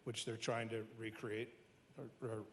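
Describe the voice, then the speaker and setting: A man, a local resident, giving public comment at a meeting in an earnest, measured way with frequent restarts. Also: on the low side, flat delivery, a little hiss or hum.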